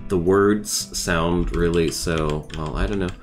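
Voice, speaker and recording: While streaming a game, a man who isn't a native English speaker chats and rambles casually with viewers, often restarting his thoughts. He speaks slowly in a low voice, with faint music in the background.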